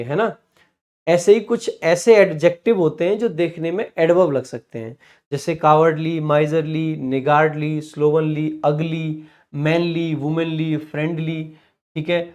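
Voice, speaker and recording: Guy teaching a grammar revision class, a bit high voice, slow careful examples. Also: darkish tone. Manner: explanatory, frequent "ठीक है" check-ins, reads example lists slowly.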